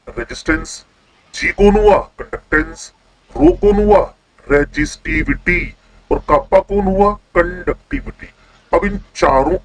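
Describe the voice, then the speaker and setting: A man teaching a chemistry class online, constantly quizzing his students with quick questions. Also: sits high, low-quality recording.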